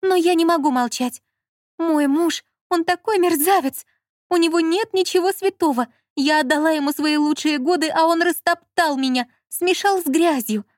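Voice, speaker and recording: A scheming young con woman with a high, lively voice, played by a woman reader, pushing her marks with theatrical flair in this storybook. The sound is dry and close. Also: moderate pace, no room sound. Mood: tearful, gushing. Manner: theatrical, switching between cold pressure and gushing. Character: sly young woman swindler on the phone.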